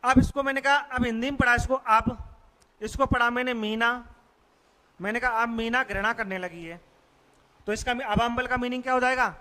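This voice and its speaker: A man's voice: extremely high pitch, steady tone, moderate pace, pushed and bright, long reverb tail. A male teacher giving a classroom vocabulary lesson, quizzing students with repeated questions. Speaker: English teacher.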